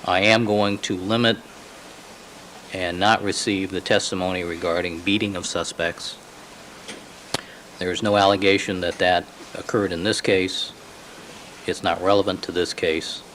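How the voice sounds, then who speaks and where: A courtroom recording of a man serving as judge, his voice sitting very low. He speaks in short, measured, authoritative rulings. Faint room hiss runs beneath. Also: little pitch movement, fairly bright tone, low-quality recording.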